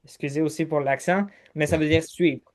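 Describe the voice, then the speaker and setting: A man's voice: on the high side, fairly even intonation, a little fast. A man with a Québécois accent hosting a podcast, walking the listener step by step through points in casual chat. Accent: Québécois French. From Quebec. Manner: structured, listing steps, talks to listener directly. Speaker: podcast host.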